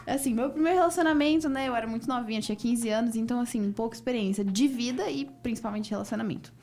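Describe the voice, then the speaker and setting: A woman's voice: on the high side, racing, a little mellow, a little hiss or hum. A woman co-hosting a podcast, telling a personal story in a playful, laughing way. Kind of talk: casual storytelling.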